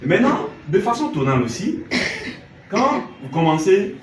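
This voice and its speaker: Lively male music teacher, echoey room. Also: high voice, measured pace. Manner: asks questions and answers them himself; sings note names in scales. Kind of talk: classroom lesson. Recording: echoey room, mic far off, loud noise.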